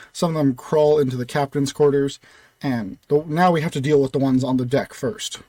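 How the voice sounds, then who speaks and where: A man's voice: medium pitch, a little mellow, no echo. A young man casually narrating a recap of his tabletop fantasy campaign, with loose phrasing full of "kind of" and "like".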